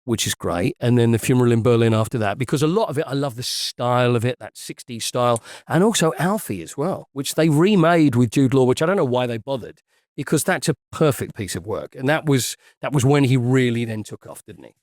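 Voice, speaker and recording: A man's voice: medium pitch, expressive, a little fast, a little mellow, dry recording, clean studio sound. A middle-aged man, co-hosting a casual podcast and telling rambling film anecdotes. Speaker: podcast co-host. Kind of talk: casual chat.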